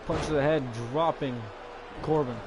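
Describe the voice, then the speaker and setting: Brief: slightly high-pitched man, casual gaming play-by-play, noisy desk mic setup. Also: measured pace. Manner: relaxed play-by-play wrestling commentary with fillers. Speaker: gaming video creator. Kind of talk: casual let's-play commentary.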